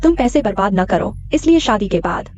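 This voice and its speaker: A woman dubbing a greedy young fiancée who coaxes and wheedles, with soft music behind. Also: medium pitch, very animated, a little fast, natural voice. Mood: wheedling. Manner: wheedling, coaxing.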